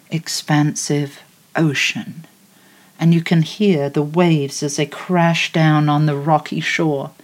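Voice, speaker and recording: Slow, low-voiced woman guiding a meditation. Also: a little mellow. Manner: slow, soothing, unhurried. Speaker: meditation guide. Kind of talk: guided visualization meditation.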